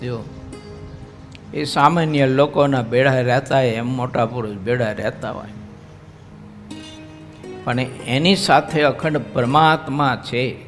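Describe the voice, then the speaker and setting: Slow-speaking Gujarati swami telling a story. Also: male voice, medium pitch, in a large hall. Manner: slow, dramatic storytelling that acts out cries and wails of the characters. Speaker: swami giving a religious discourse. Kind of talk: storytelling sermon. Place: large assembly hall.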